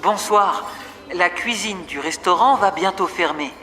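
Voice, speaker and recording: A man making formal, measured announcements over a PA system, reading scripted notices. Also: high voice, bright, forceful tone. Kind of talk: scripted public announcement for a listening exercise. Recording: long reverb, faint crowd behind.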